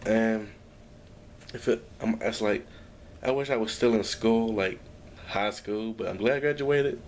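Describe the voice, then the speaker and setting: With slight background noise behind him, a young man speaks unhurriedly into his camera at home. His voice is fairly low in pitch, and his personal vlog is rambling and downbeat, peppered with sighs and restarts.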